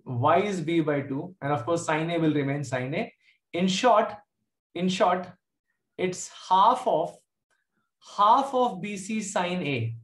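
A man with a South Indian accent teaching a live online maths lesson, informally questioning students and calling on them by name. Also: high voice. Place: indoor room, online class from a computer. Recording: echoey room.

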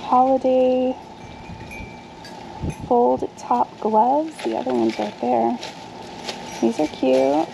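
Sorting through dumpster finds outdoors on her backyard patio, a woman in her thirties talks chattily to camera and thinks aloud. She speaks slowly in a high-pitched voice with vocal fry, fairly even intonation and long pauses, against a noisy background.

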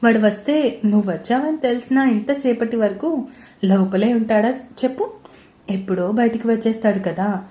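A woman's voice: a little high, moderate pace, mellow, natural voice. A woman voicing a caring, troubled young man who speaks earnestly, in a roomy-sounding recording. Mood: gentle. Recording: roomy echo.

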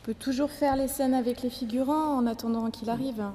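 A woman playing a brisk, accommodating production manager on a film set. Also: sits high, steady tone, mellow, lightly acted. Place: large warehouse film set. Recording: echoey hall with faint noise.

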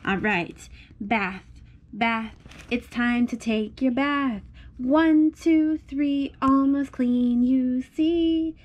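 At home on a blanket, a woman reads a picture book aloud to a small child, encouraging and sing-song, with simple repeated phrases. Her voice sits high and she draws out her words. The sound is lo-fi.

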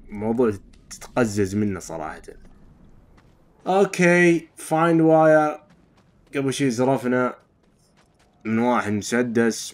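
A man giving casual let's-play commentary and explaining each step to his viewers. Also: fairly low pitch. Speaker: gamer.

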